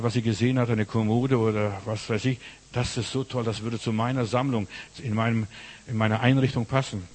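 A man preaching a sermon, telling stories with emphatic, repeated phrases. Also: mid-range voice. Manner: voices characters loudly in stories. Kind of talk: sermon with storytelling.

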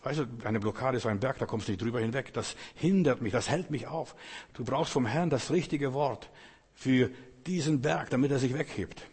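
A man's voice: medium pitch, moderate pace, darkish tone, slightly rough, big-room sound. A man preaching a sermon, addressing his listeners directly in an insistent, exhorting way.

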